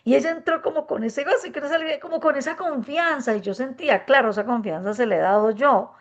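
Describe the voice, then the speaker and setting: A woman speaks up at a workshop, reflecting earnestly in a deliberately soft, gentle voice. She hesitates often, filling gaps as she thinks aloud. The recording is dull and muffled. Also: high voice. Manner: speaks softly and gently on purpose. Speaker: workshop participant. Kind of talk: spontaneous testimony.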